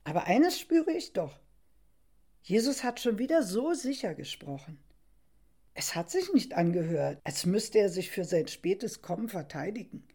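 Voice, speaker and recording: A woman narrating a story in the first person, in an expressive, wondering and reflective way. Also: medium pitch, unhurried, breathy edge.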